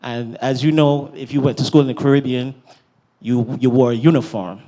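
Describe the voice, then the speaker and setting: A man's voice: mid-range voice, fairly even intonation, moderate pace, mellow. A man from Barbados with a Bajan accent, telling a personal story as a guest in a panel talk, often checking in with "right?" and "yeah?".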